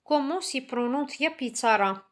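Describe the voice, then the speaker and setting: A woman teaching Spanish, reading vocabulary slowly one word at a time and explaining in French. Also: high voice, lively intonation. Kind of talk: slow classroom vocabulary reading.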